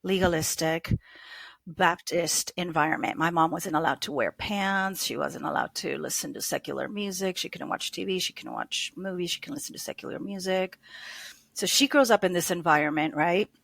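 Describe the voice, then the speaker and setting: A woman's voice: fairly low pitch, normal speed, gravelly, a bit bright, no room sound. Chatty Argentinian-born woman guest. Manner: chatty, frequent ums and self-corrections. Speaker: podcast guest. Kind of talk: casual interview storytelling.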